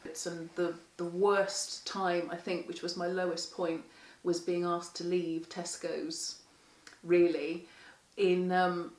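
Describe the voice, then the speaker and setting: A hoarse woman, a parent carer speaking frankly in an interview and acting out what others say. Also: on the low side, darkish tone. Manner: frank, candid storytelling that acts out quoted speech. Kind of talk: interview testimony. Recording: echoey room, mic far off.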